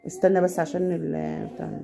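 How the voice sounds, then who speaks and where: A woman with an Egyptian Arabic accent tutoring a child at home, patient and slowing down to demonstrate recitation. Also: on the low side, level tone, creaky, mellow, faint music behind. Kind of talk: casual home lesson.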